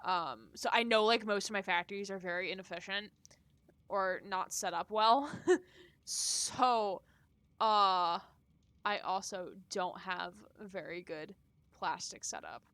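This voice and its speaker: A woman's voice: medium pitch, a little slow, a bit bright, dry recording. A woman streamer chatting casually and rambling while playing and reading a game. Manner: chatty, rambling, laughs often. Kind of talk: casual live-stream chat.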